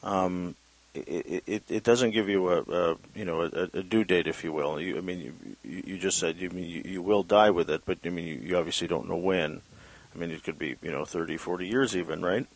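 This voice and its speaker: Low-voiced man interviewing, close and dry. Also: brisk, hardly any pauses, no room sound. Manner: tentative, repeats words while framing questions. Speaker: podcast interviewer. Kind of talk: gentle conversational interview.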